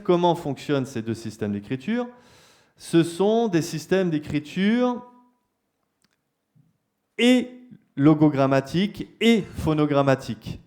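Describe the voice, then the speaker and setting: A man giving a university-style public lecture in a hall, explaining patiently. He fills pauses with little hesitations and turns to the audience with direct questions. His voice sits at an ordinary middle pitch. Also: darkish tone. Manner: explanatory, many fillers like euh and hein, addresses audience directly.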